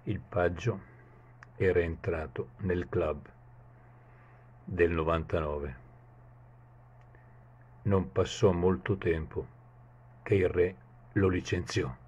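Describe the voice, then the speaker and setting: A man reading a fable aloud in a dramatic storytelling manner, with a husky voice. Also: steady tone, slow pace, pauses often, a little mellow, highs cut off. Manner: dramatic storytelling, shifts pitch for characters.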